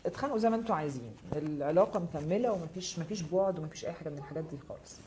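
A woman with an Egyptian Arabic accent giving a live tarot reading, answering viewers' comments with quick, reassuring, direct advice. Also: low voice, dark tone, slight background noise. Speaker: tarot reader.

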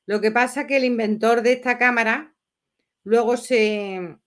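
A woman's voice: fairly high pitch, steady tone, measured pace, fairly bright tone. A woman, chatting casually and rambling through a livestream as host. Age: 50s.

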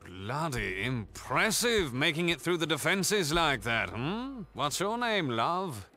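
A man's voice: a little high, big pitch swings, slow pace, pushed and bright, full character voice. An actor playing a cheeky male thief leader who puts on a stereotypical British accent and talks in a breezy, theatrical, teasing way. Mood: sly. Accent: put-on stereotypical British. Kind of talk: game voice acting.

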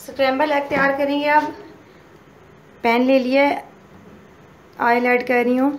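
A woman, hosting a home cooking channel and explaining each step calmly in a casual voice-over. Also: high-pitched, a little slow. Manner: step-by-step explaining, calm and homely.

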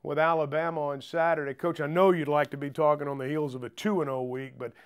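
A man in his sixties hosting a basketball show from courtside in an arena, speaking in a measured broadcaster's way on a lapel mic. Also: a little high, level tone, clear, resonant tone. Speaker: host and play-by-play announcer.

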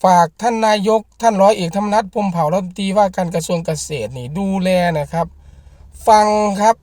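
A man's voice: high voice, a little fast, darkish tone, no echo. Earnest farmer man venting. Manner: earnest, repetitive, appealing to the government. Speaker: rice farmer and channel host. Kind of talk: direct-to-camera political vlog.

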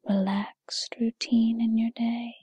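Whispered role-play, woman acting as gentle fairy godmother, breathy whisper, slow, reassuring, very dry close sound. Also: fairly high pitch, little pitch movement, no echo, exaggerated voice. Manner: soothing, encouraging, unhurried second-person address.

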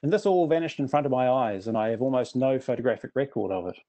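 A man's voice: mid-range voice, animated, fast talker, mellow. A middle-aged man with a New Zealand accent, giving a prepared presentation with dry, self-deprecating humour.

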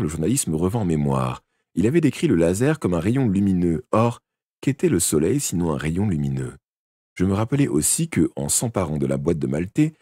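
Deep, husky male audiobook narrator. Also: dry recording, clean studio sound. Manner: expressive first-person narration with occasional slips and self-corrections. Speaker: audiobook reader. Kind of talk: live unedited audiobook reading.

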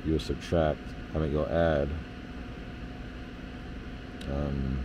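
Deep-voiced man explaining HVAC readings. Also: extremely slow, noisy background. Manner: relaxed, explanatory, many fillers. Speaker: HVAC technician. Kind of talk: hands-on technical demonstration. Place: indoor basement furnace area.

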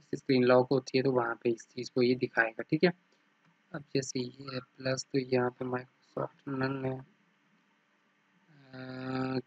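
A man's voice: mid-range voice, no room sound. Man teaching a computer lesson, dry lo-fi mic. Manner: repeats "ठीक है" after nearly every point; points things out on screen with "ये देखो". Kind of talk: screen-recorded computer lesson. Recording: dry, slightly dull lo-fi mic.

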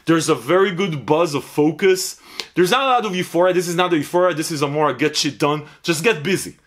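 A man's voice: fairly high pitch, brisk. A man reviewing a pre-workout supplement in a blunt, profane, rambling way, repeating himself for emphasis. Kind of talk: casual review vlog.

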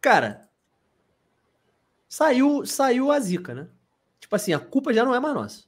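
Laid-back young man, lively high voice. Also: measured pace. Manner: laid-back, slangy, drawls words out. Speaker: co-host of a football channel. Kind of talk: casual live-stream chat.

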